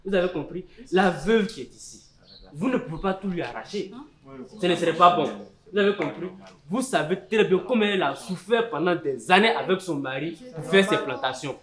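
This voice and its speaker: An actor playing a patient village chief who mediates a land dispute, speaking with calm authority in Ivorian French. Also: male voice, high voice, a little fast, roomy sound, a crowd in the background. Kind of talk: community theatre acting.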